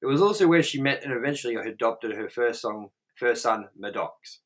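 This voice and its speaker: Speaking at normal speed, this young man has an expressive, mid-range voice with a fairly bright tone. Co-hosting a movie review show, he chats casually through trivia, rambling, swearing bluntly, and saying "like" a lot.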